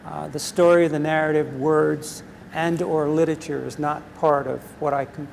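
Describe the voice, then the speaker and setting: Gravelly older man, reflective and measured. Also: a little high, fairly even intonation, a little mellow. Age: 70s. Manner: measured, reflective, pauses with ums. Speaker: artist. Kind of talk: gallery conversation. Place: large art gallery. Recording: reverberant gallery with faint noise.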